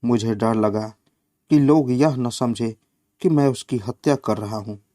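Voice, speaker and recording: A man reading a satirical short story aloud at a slow, measured pace. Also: medium pitch, dark tone, no echo, clean studio sound. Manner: slow, measured reading with quoted lines voiced in the flow.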